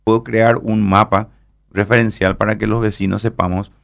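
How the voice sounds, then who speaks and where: Gravelly low-voiced man. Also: little pitch movement, moderate pace. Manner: explanatory, rambling with fillers and tag questions. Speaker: guest. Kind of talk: explaining an app in a radio interview.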